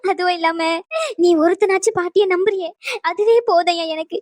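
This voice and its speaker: A woman's voice: very high voice, fairly even intonation, moderate pace, a little mellow, no room sound. A woman voicing a scheming elderly grandmother in a cartoon, wheedling and playing the victim, recorded dry. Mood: coaxing. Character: scheming elderly grandmother, crafty and self-pitying. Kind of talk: cartoon voice acting.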